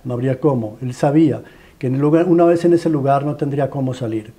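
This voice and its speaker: A man's voice: medium pitch, fast, warm tone. A man with a Colombian accent preaching a sermon as a dramatic story, stacking rhetorical questions and repeated phrases in a pleading way.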